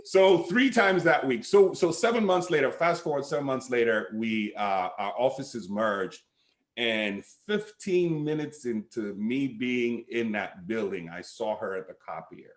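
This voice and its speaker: A middle-aged man from Sierra Leone, a pastor, telling a personal story in a relaxed way with lots of fillers over a home video call. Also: mid-range voice, measured pace, echoey room. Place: living room at home, indoors. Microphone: webcam on a video call.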